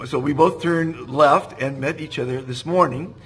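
A man's voice: fairly high pitch, moderate pace, fairly bright tone, slight background noise, rough recording. A man interviewing a guest in a hotel cafe, talking enthusiastically and calling things fantastic. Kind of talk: casual interview chat. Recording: music playing under the speech. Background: music in the background.

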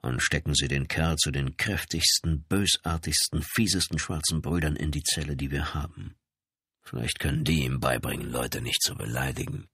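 A man's voice: mid-range voice, moderate pace, bright, forceful tone, no room sound, studio quality, voice pushed up, lightly acted. A man voicing a sneering police lieutenant. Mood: low menace. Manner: barking orders, sneering. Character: brutal, mocking male police lieutenant. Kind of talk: audiobook character voice.

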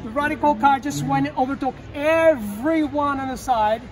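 A man in his thirties, hosting his channel in an indoor expo hall, talking excitedly in loose, rapid phrases. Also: extremely high pitch. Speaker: channel host. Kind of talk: casual expo walkthrough. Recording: crowd noise behind.

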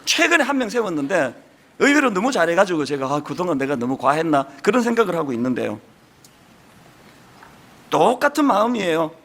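A man's voice: a little high, big pitch swings, fairly quick, pauses often, fairly bright tone. A middle-aged male pastor with a strong Gyeongsang Korean accent, preaching a sermon in an earnest, emphatic way. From Gyeongsang region, South Korea.

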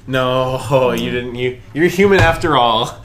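A man's voice: medium pitch, a little slow, a bit bright. A man co-hosting a casual challenge video, teasing his partner and laughing often. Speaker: co-host. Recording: clear background noise.

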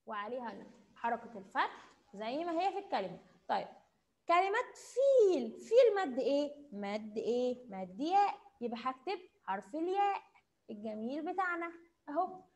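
Brief: young Egyptian woman, high voice, kindergarten teacher on a video call, slow coaxing questions, quick cheerful praise. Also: sing-song. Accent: Egyptian Arabic. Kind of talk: online class for young children. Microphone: computer mic on a video call.

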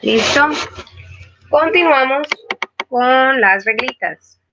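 A woman's voice: high-pitched, lively intonation, slow, a bit bright, muffled recording. A woman, a virtual tutor giving a live online class, explaining patiently with frequent hesitations. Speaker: virtual tutor teaching English.

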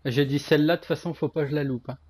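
A man's voice: a little high, fairly even intonation, very fast, darkish tone. A man chatting casually with teammates during a video game. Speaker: gamer. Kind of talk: casual team game chat. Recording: noisy game voice chat with clicks.

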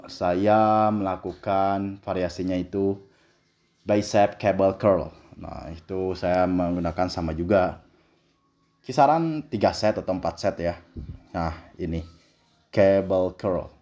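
A man's voice: sits low, slow, long pauses, darkish tone. A young man chatting casually through his workout as a fitness vlogger, explaining while he lifts and dropping in loose English phrases, recorded by a camera set up across a large indoor gym. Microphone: camera on a stand at a distance.

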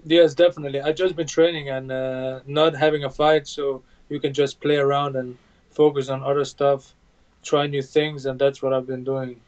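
A man from Bosnia, a native Bosnian speaker, speaks in a steady, flat tone. His answers stop and restart around fillers. The sound is dull and lo-fi, like webcam audio from a room at home. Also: medium pitch. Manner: plain halting speech with many fillers. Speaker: UFC fighter guest. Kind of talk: video call interview. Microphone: video call webcam. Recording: dull lo-fi video call audio.

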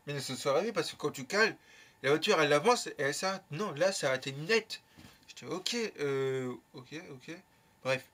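Young male vlogger, bright and a bit high, tells a rambling anecdote full of slang and curses. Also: normal speed. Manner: lively, slangy, swears freely. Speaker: YouTuber. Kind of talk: casual storytelling.

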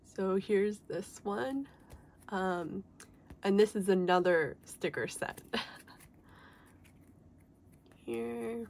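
A woman's voice: mid-range voice, extremely slow, vocal fry, pauses often, darkish tone, slight background noise. A young woman chatting casually through a collectibles haul video, full of "like" and "um", her voice a little off because she is sick. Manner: chatty, many fillers like "like" and "um". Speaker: K-pop collector vlogger. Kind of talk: casual unboxing chat.

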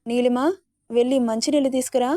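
A woman's voice: on the high side, level tone, a little fast, mellow, no room sound, studio quality, close to an everyday voice. A woman voicing a stern but tender wealthy old grandmother in a read-aloud story, giving orders and comforting by turns. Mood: commanding. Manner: commanding, then soothing.

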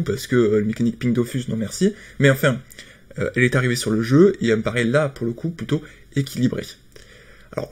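Husky, hesitant male game commentator. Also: medium pitch. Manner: hesitant, many fillers and restarts. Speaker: card game video commentator. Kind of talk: casual patch-notes commentary.

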